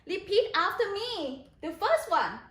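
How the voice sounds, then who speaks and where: A kindergarten English teacher with a Thai accent teaches young children online, her very high, bouncy, somewhat hoarse voice swooping up and down. She speaks slowly and guides them through repeated questions in a sing-song way, very animated and fairly bright in tone. The echoey room gives her voice a roomy ring.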